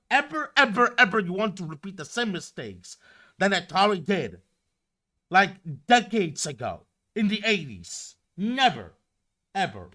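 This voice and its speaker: A male streamer rants about his industry in a high, bright voice. He takes his time, swears freely and swings his pitch widely as he repeats himself for emphasis. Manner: profane, repetitive, heated ranting. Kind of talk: live-stream rant.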